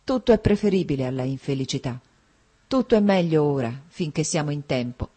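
A woman's voice: sits low, expressive, fairly quick, dark tone, breathy edge. A woman reading a novel aloud, voicing an anxious, tormented young man who pleads earnestly. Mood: pleading. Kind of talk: audiobook character reading.

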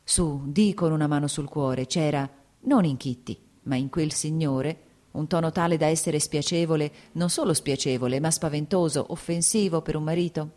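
A woman voicing Dolly, an agitated aristocratic mother in a read-aloud novel, scolding and quick to emotion. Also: low-pitched, darkish tone, natural voice. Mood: anxious.

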